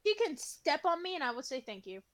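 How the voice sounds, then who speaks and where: Young female co-host, excitable and loud, high voice that swings widely. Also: a little fast, a crowd in the background. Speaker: podcast co-host. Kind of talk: casual podcast chat.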